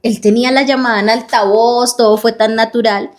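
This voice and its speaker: A woman with a slightly high voice talks earnestly on a faith podcast. She tells her stories with feeling and slips into the voices of the people she quotes. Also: steady tone, fairly quick. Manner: earnest storytelling, acts out quoted dialogue. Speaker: podcast co-host. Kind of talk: casual faith talk.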